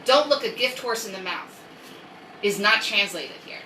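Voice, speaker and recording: An American woman, a native English speaker, hosts a casual live story-time stream, rambling, cracking jokes and reading aloud. Her medium-pitched voice is animated and sharp at a moderate pace. The audio has a roomy echo, a distant mic and faint noise.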